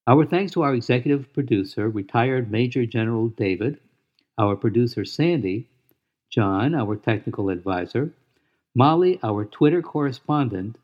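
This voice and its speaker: A man's voice: medium pitch, muffled recording. A man hosting a podcast and reading scripted narration. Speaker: podcast host and story narrator.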